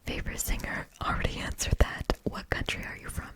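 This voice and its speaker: A woman in her twenties from Germany, whispering softly in a casual ASMR question-and-answer chat, with lots of fillers. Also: a little fast. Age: 20s. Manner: soft unvoiced whisper, chatty with fillers. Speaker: ASMR YouTuber.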